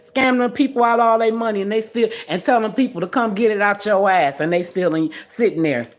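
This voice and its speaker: A woman in her sixties hosts her own livestream and talks in a casual, blunt way. She scolds and trash-talks with plenty of energy. Her voice sits at a middle pitch. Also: brisk. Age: 60s. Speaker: livestream host.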